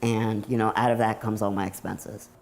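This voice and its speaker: A man's voice: lowish voice, flat delivery, moderate pace, creaky. A nineteen-year-old man with an American accent, talking candidly and matter-of-factly in a casual documentary interview style. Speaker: computer programmer telling their own story.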